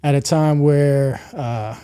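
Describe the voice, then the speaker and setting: A man's voice: fairly high pitch, steady tone, slow, dark tone, clean tone. A man in his thirties from Rwanda, a podcast guest chatting casually with many fillers. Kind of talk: casual interview chat.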